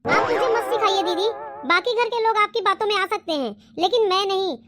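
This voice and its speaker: A woman's voice: extremely high pitch, brisk, a bit bright. A woman voicing a fed-up young daughter-in-law who protests sharply in a cartoon. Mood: defiant.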